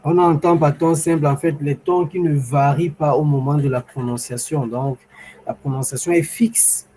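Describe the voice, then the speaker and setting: Patient male teacher on a video call, slightly higher-pitched, explains step by step. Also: steady tone, warm tone, breathy edge, rough recording. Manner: patient, repeats examples slowly. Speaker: language teacher. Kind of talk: online class explanation.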